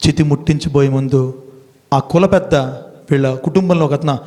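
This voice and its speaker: A man giving an emphatic motivational speech, quizzing the audience with questions and slowing down to tell stories dramatically. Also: on the high side, warm tone. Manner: slows down for dramatic storytelling. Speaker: motivational speaker. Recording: long hall reverb.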